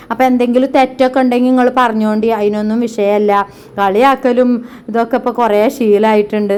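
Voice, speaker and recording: A woman's voice: mid-range voice, a little mellow. A woman, chatting to her viewers in a casual family vlog as she narrates her housework. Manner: chatty, talks straight to viewers. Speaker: family vlogger.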